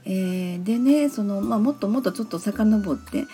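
A woman's voice: mid-range voice, moderate pace, mellow, faint music behind. A woman from Osaka with a Kansai accent, hosting a casual solo talk show in a polite, chatty way with many fillers. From Osaka, Japan. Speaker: podcast host.

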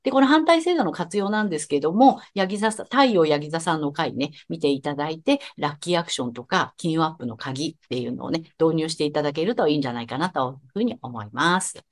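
A woman's voice: deep voice, expressive, fast talker, few pauses. A woman astrologer giving a podcast astrology reading, polite and explanatory. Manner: polite, explanatory, with soft agreeing murmurs.

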